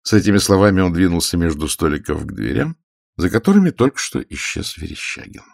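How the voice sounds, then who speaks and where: A man giving scripted audiobook narration in an even, measured storytelling manner. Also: low voice, creaky, dry recording, clean studio sound.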